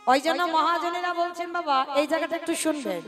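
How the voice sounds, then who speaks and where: A woman performer telling a devotional story in kirtan style, animated and addressing her listeners directly. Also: very high-pitched, fairly quick. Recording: live devotional music behind.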